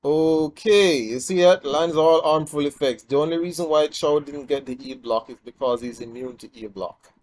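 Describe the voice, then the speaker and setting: A man casually commenting on his own gameplay, thinking aloud and getting excited at big plays. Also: fairly high pitch, moderate pace, few pauses. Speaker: game guide host.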